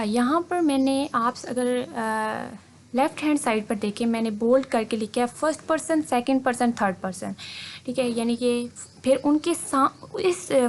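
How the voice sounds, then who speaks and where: A woman's voice: fairly high pitch, a little hiss or hum. A woman explaining English grammar over slides in a patient, step-by-step lesson, mixing English words into her talk. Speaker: English teacher.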